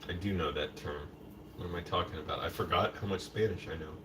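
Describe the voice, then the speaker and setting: A man with a low-sitting voice talks fast while chatting casually on a live stream as he prepares food in his kitchen, rambling to himself and slipping in Spanish words. The mic is distant, picking up noticeable background noise.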